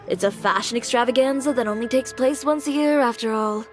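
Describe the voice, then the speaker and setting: With game music in the background, a woman voices a female fashion designer and shop owner who is calm, businesslike, dry and matter-of-fact. Her pitch is fairly high and her pace fairly quick, and she sounds close to her everyday speaking voice.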